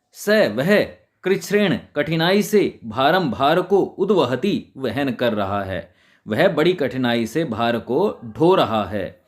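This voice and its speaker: A man teaching a Sanskrit lesson, reciting each word and then glossing it in Hindi in a patient, deliberate way. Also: on the high side.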